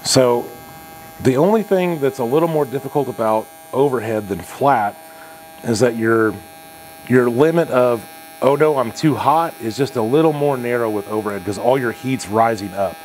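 A man's voice: mid-range voice, moderate pace, a little mellow, slight background noise. A man in his thirties, a welding instructor, talking casually through a demonstration in an indoor welding shop, loose and conversational, with frequent fillers.

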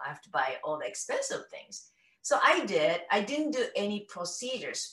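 Japanese-accented woman, 50s, guest on a video call, lively storyteller, bright tone, roomy distant webcam sound. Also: mid-range voice. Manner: animated, gestures a lot, acts out what she recalls. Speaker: guest, founder of a face exercise method. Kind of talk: storytelling interview answer. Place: home room, video call. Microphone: laptop webcam mic on a video call.

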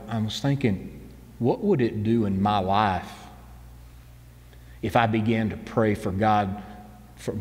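In a lowish voice with a somewhat dark tone, a pastor in his fifties gives an earnest, conversational sermon from a church stage, repeating phrases. A long reverb tail hangs on the sound.

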